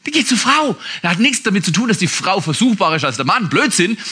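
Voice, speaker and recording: A male pastor preaching a sermon in a conversational way, asking his listeners direct questions and swinging between emphatic outbursts and quiet asides. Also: sits high, sing-song, quick pace, husky.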